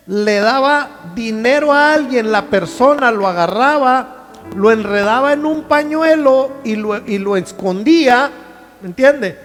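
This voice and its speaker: A man's voice: very high voice, long reverb tail. A male pastor preaching a sermon in a conversational way, often checking in with the congregation through rhetorical questions.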